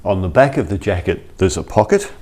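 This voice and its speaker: A workshop vlogger with a low-pitched, slightly mellow voice speaks animatedly and fairly quickly. Wearing a clip-on lapel mic in his cold workshop, he gives a casual product review full of chatty, out-loud thinking.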